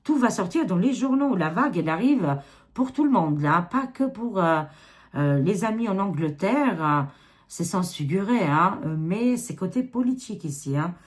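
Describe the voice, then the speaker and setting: A woman's voice: medium pitch, lively intonation, moderate pace. A woman with an Albanian accent reading tarot cards to camera in a rambling, casual way, dropping many fillers. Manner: rambling, filler-heavy, repeats 'hein'. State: tired. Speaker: tarot reader.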